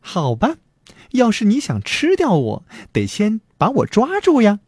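A cheeky, carefree little boy, as a man puts him on, with a light, raised voice that bounces up and down in a sing-song. It sounds soft and a little breathy, and the voice is close and dry. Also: sits high, wildly swooping pitch, unhurried, no echo, pitched above the performer's own voice, full character voice. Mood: playful. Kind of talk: children's story reading.

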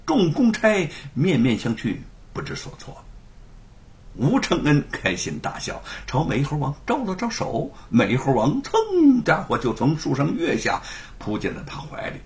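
A man performing a traditional Chinese storytelling piece, narrating in a dramatic, animated way. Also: a little high, moderate pace.

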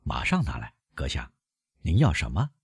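A man voicing a bandit guard who answers softly and with mocking politeness. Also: wildly swooping pitch, normal speed, husky, no room sound, clean studio sound, full character voice. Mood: mock-polite. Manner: soft, low and mockingly polite. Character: calm, courteous male bandit guard.

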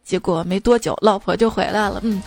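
A woman radio host reading out listeners' jokes in a lively, amused storytelling manner. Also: mid-range voice, a little fast, creaky, soft background music.

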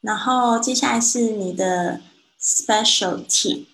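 A Mandarin-speaking woman teaching English pronunciation one-on-one, patiently correcting and modelling words slowly. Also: medium pitch, a bit bright, poor audio.

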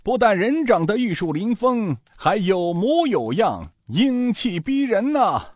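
A man's voice: high-pitched, big pitch swings, takes it slowly, darkish tone, breathy edge, no echo, voice pushed up, heavily acted. A man voicing a comic old male master thief who grumbles and pleads in a wheedling whine. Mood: admiring.

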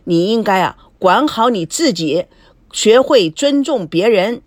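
A woman voicing a smug young ex-husband who teases and mocks in a storybook reading, with a lively, animated delivery. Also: mid-range voice, a little slow, dry recording. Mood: exasperated. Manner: teasing, mocking.

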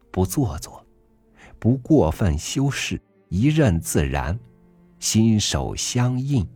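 A man reading a literary essay aloud for a podcast, measured and earnest, rising emphatically on rhetorical questions. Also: deep voice, slightly rough. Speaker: podcast reader. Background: soft background music.

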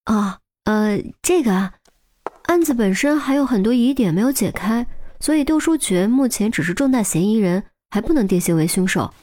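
A woman doing a sharp young female cop. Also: a little high, animated, normal speed, lightly acted. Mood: questioning. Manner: sharp, suspicious, impatient. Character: young hot-tempered female police detective. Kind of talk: audiobook character voice.

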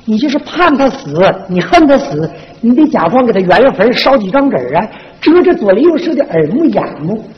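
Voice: medium pitch, big pitch swings, brisk, natural voice. A performer doing a brash, bossy old village godmother. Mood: scolding gossip. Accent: Northeastern Mandarin. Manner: brash, scolding, gossipy storytelling. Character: sharp-tongued older village godmother, comic and bossy. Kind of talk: comic folk stage duet. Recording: echoey stage, dull lo-fi sound, faint hiss.

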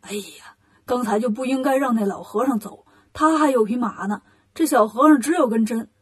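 Woman voicing greedy blustering bandits, gruff, breathy, storybook. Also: on the high side, moderate pace.

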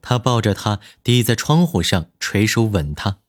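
A man with a lowish voice reads a romance drama aloud with expressive, lively storytelling. His pitch rises and falls widely. The sound is dry and close, with no room around it. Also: normal speed, no room sound. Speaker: audiobook narrator. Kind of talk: scripted dramatic narration.

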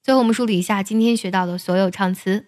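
A woman teaching how to sing an English song, speaking in a patient, measured way with soft particles at the ends of her phrases. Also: mid-range voice, fairly even intonation, loud music behind the voice. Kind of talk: explaining lyrics and singing technique.

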